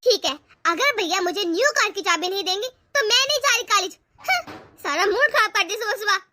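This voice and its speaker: A woman voicing a spoiled, eager young college girl in an animated family cartoon, wheedling to get her way. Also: very high voice, fairly quick, a little hiss or hum, exaggerated voice.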